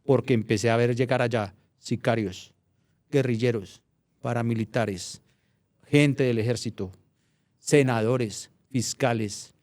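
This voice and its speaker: A man's voice: medium pitch, a little slow, no echo. Man telling stories, dry sound. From Colombia. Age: middle-aged. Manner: anecdotal, restarts phrases, animated when recounting. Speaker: journalist guest. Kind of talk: casual storytelling interview.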